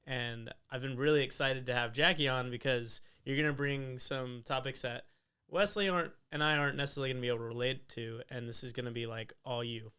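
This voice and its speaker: Male podcast co-host, bright crisp voice, easygoing interviewer. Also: medium pitch, steady tone, brisk. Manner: easygoing, asks questions, many fillers. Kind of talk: casual podcast chat.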